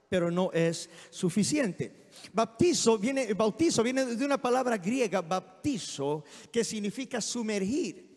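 A man preaching a sermon in a church, telling anecdotes in a lively way and often exclaiming amen. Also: high voice. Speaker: guest preacher. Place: church sanctuary. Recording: long hall reverb.

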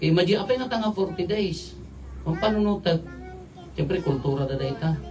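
With a high, expressive voice, a middle-aged priest delivers a conversational, humorous homily at a makeshift outdoor altar at night, speaking haltingly, asking rhetorical questions and mixing English terms into the local language. He uses a microphone on a stand, filmed from afar, and the audio is distant and slightly off-mic.

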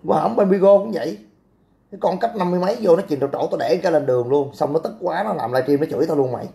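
This is a young man, running a livestream and answering comments. He talks in a brash, crude, dismissive way, and his voice sounds dark and mellow. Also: on the high side, racing, vocal fry. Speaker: livestream host. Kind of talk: casual livestream chat reading comments.

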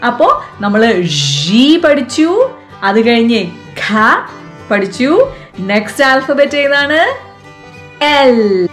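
A woman's voice: a little high, very animated, takes it slowly, pauses often, soft background music. A woman with a Malayali accent hosting a casual lesson for children, chatty and coaxing, asking the viewer questions. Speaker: vlog host teaching French to kids.

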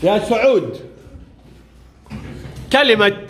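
A man's voice: sits high, lively intonation, extremely slow, a bit bright, a little hiss or hum. A male primary school teacher, giving a classroom reading lesson and prompting and praising pupils in short commands.

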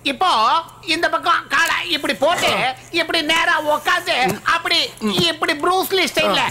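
A woman's voice: very high voice, steady tone, normal speed, very noisy. A woman dubbing a chatty young woman in a film, talking in a teasing, fussing way over a film score.

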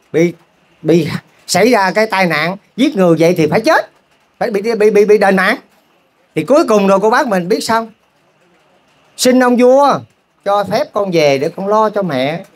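A lay preacher with a Southern Vietnamese accent, telling a moral story as a sermon and keeping the congregation involved with rhetorical questions. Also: medium pitch. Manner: keeps asking the audience rhetorical questions; repetitive, folksy, halting restarts.

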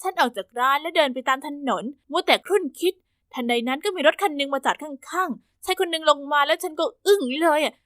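A woman narrates a first-person animated story with a high, bright voice. Her telling is lively and expressive. The recording is close and dry. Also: fast, dry recording.

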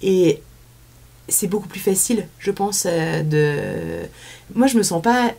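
Her voice is lowish, gravelly and mellow, moving slowly through wide swings in pitch. She's a woman from France in her thirties with a French accent, casually chatting as an interview guest with lots of fillers and restarts, seated on a small indoor studio set.

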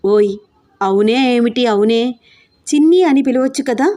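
A woman's voice: a little high, normal speed, darkish tone, lightly acted. A woman voicing a shy, playful young bride in an audio story, coy and mock-scolding.

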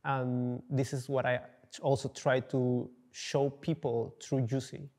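Young man, interviewee, flat gravelly delivery, hesitant with fillers. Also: medium pitch, slow. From Peru. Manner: searching for words, many fillers and restarts. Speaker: coffee entrepreneur, interviewee. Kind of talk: casual interview answers. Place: dark studio, indoors.

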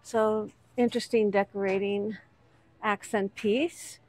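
Moving slowly through a store, a female vlog host and reseller offers relaxed commentary, indicating products on the shelves one by one. She speaks at a medium pitch in a steady tone.

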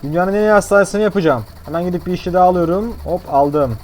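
Fast-talking, excitable man, gaming commentary, a touch high-pitched. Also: slight background noise. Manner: excitable, brash, jokey. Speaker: gaming YouTuber. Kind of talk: gameplay commentary.

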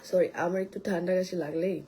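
A woman chats loosely on a live stream, hoarse from coughing. Her voice is low, husky and dark, and she rambles and restarts often. She talks close into a phone. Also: little pitch movement, fast talker, low-quality recording. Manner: rambling, restarts a lot, reads commenters' names aloud. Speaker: live streamer selling skin care. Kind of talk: casual live-stream chat answering viewer comments.

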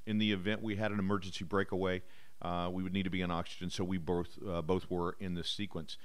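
Male pilot narrator, lowish voice, clear and smooth, relaxed explainer with "uh" fillers. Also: fast talker. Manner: easygoing, explanatory, frequent "uh" fillers. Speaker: bomber pilot narrating his flight footage. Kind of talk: voice-over commentary.

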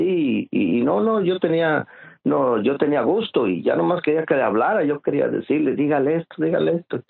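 A man, a guest telling his own story in an interview, halting and often repeating words as he goes. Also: medium pitch, gravelly, husky. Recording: tinny phone-like line.

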